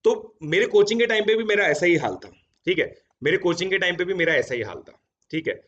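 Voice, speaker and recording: Chatty teacher, slightly high voice. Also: male voice, lively intonation, fast talker, fairly bright tone. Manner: chatty Hindi-English mix, frequent "theek hai" fillers. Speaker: JEE coaching educator. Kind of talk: casual storytelling to students. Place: home studio. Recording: dull lo-fi sound.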